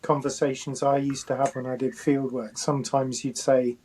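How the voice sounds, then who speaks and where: A man's voice: medium pitch, level tone, moderate pace, darkish tone, husky, low-quality recording. A man hosting a casual talk, speaking hesitantly and thoughtfully. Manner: hesitant, thoughtful, many fillers. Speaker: host. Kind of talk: casual conversation.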